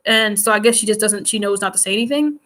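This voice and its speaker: A woman's voice: medium pitch, fast talker, a bit bright. A young adult woman chatting casually to viewers in a rambling, giggly way, close to a computer mic at home. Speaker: vlogger.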